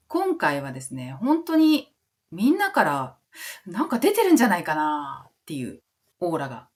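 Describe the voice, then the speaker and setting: A middle-aged woman talks to her viewers in a casual, expressive monologue. Her voice sits a little low but moves up and down a lot. She jumps up high in pitch whenever she acts out someone else's reaction. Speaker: music teacher and vlogger. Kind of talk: casual monologue about a concert.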